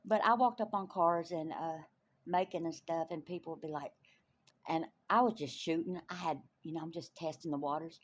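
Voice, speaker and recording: A woman tells her faith testimony in an animated way, laughing often and repeating lines for emphasis. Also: deep voice, normal speed, a little hiss or hum. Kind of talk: testimony storytelling.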